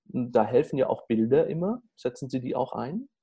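A man's voice: mid-range voice, lively intonation, normal speed, warm tone, breathy edge. A man interviewing a guest, asking polite, formal questions.

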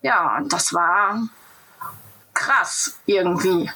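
A woman guest speaks in a bright, sharp-edged voice. She tells her story haltingly and slips into retold conversations as she goes. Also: lowish voice, breathy edge. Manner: hesitant, retells conversations as quoted dialogue. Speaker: interview guest. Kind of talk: personal storytelling in an interview.

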